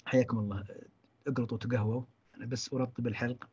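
A man giving a religious lesson, halting often and restarting his words. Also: mid-range voice, level tone, darkish tone, husky, muffled recording. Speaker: religious teacher.

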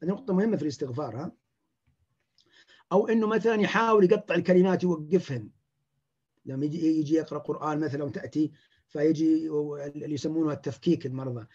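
A man, a clinician giving a lecture, talking in an animated way and acting out the words of patients. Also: fairly high pitch, quick pace, breathy edge, muffled recording.

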